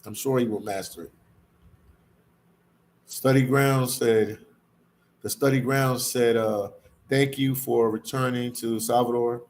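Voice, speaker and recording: A man hosts a casual livestream, chatting with viewers and reading their comments in a slangy, repetitive way, often calling them "man." His mid-range, darkish voice stays fairly even, slow with frequent pauses, and background ambient noise is clearly audible.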